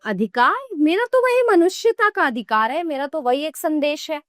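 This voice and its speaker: A woman's voice: sits high, lively intonation, normal speed, no room sound, clean studio sound, voice pushed up. A woman voicing a compassionate woman singer who earnestly pleads with an emperor to give up killing.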